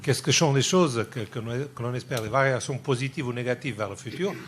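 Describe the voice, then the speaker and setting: A man's voice: mid-range voice, a little fast, slight background noise. A man from Portugal asking a long question from the floor at a lecture, thinking aloud and searching for words. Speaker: audience member asking a question.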